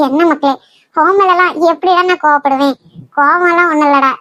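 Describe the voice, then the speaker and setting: A woman's voice: high-pitched, moderate pace, sharp tone, dry recording. A woman voicing a caring, fussing middle-aged mother-in-law in a cartoon. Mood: motherly. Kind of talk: cartoon voice acting.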